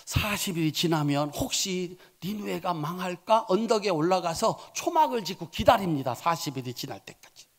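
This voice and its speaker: A man preaching as senior pastor, telling a Bible story dramatically, swinging between soft asides and loud exclamations. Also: high-pitched, expressive, moderate pace, hardly any pauses. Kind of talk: sermon.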